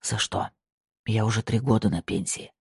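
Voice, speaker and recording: A narrator voicing a retired older male judge who mutters low and wearily and dodges the questions, with a husky tone. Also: steady tone, moderate pace, dry recording, clean studio sound, full character voice. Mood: weary.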